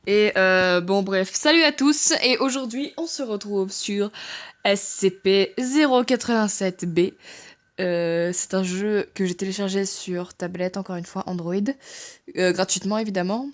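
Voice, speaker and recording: A young woman commenting as she plays a horror game, jokey and frightened, swearing and shouting when startled. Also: mid-range voice, a little slow. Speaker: gamer.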